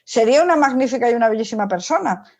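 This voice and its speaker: Racing along with lively intonation, this woman speaks in a slightly high voice. She's a psychologist being interviewed, giving her views in an emphatic, casual way peppered with rhetorical questions, captured on dull lo-fi audio.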